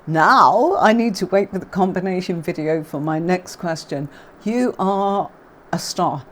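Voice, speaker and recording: An Englishwoman from Yorkshire hosts a tarot livestream, chatting with viewers and teaching card meanings, in a somewhat low voice at a slightly slow pace. She uses many fillers, and her accent is neutral, essentially neutral southern English with a faint Yorkshire trace.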